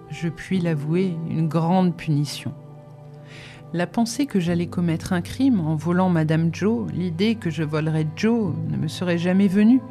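A reader narrating a novel in a measured, even way. The voice is mellow and warm. Faint music runs underneath. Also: mid-range voice. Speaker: audiobook reader.

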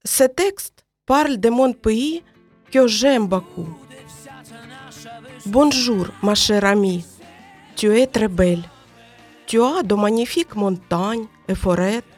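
Ukrainian woman, French learner, reads her own text slowly and earnestly, fairly high voice. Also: a little mellow, soft background music. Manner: careful, earnest reading. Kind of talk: reading a personal text aloud.

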